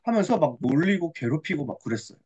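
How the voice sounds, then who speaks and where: A woman preaching a Bible story in an expressive, questioning storytelling manner. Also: deep voice, breathy edge, dull audio. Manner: expressive, questioning, drawn-out reading. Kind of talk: children's sermon storytelling.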